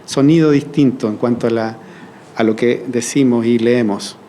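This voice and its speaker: A man's voice: medium pitch, fairly even intonation, moderate pace, warm tone, a little hiss or hum, poor audio. A man leading an audience through a group verse-writing activity, coaxing answers with frequent check-ins. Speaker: workshop facilitator. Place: event hall at a university launch.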